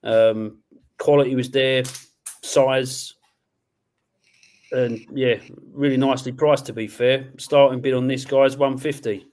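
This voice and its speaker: A man's voice: mid-range voice, steady tone. A man hosting a live koi auction stream, chatting casually and calling out time and prices. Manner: brisk, counts down bids loudly. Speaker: auction host.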